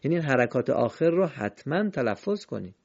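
A man teaching the rules of Quran recitation in a patient, step-by-step way, slowly chanting example verses. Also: medium pitch, big pitch swings, creaky, a little mellow, muffled recording. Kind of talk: recorded lesson on recitation rules.

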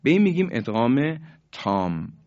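A man's voice: medium pitch, very animated, a little mellow. A man teaching tajwid, the rules of Quran recitation, explaining patiently step by step and stretching out the sounds he demonstrates. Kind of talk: tajwid lesson. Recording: slightly dull, lo-fi.

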